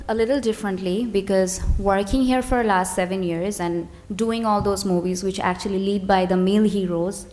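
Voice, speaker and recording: A woman from Bangladesh, an actor speaking fluently and with emphasis on a festival panel. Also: medium pitch. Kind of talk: panel discussion.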